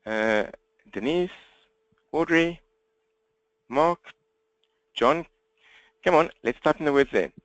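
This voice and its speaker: Standing at his computer, a man from South Africa presents an interactive webinar training in a fast, direct, upbeat style. He has a South African accent, a slightly croaky throat, and an animated, fairly bright voice that sits a little high. There is no echo, but the highs are cut off.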